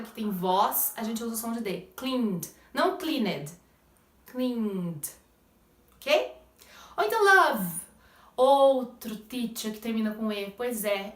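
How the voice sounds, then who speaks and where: A woman's voice: a little high, a bit bright, reverberant, recorded from a distance. A woman teaching English pronunciation in Portuguese, explaining step by step and checking in with the listener often. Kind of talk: pronunciation lesson.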